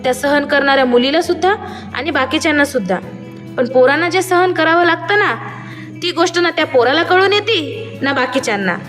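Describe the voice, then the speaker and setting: A woman's voice: high voice, lively intonation, a little fast, fairly bright tone, faint music behind. A woman playing an earnest young woman who explains something to younger boys in an amateur stage skit.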